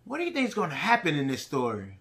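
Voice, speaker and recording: A woman's voice: low voice, huge pitch swings, fast, fairly bright tone. A woman teaching pre-kindergarten, reading aloud to young children and asking simple questions, with emphatic enunciation of key words. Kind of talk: read-aloud lesson for small children.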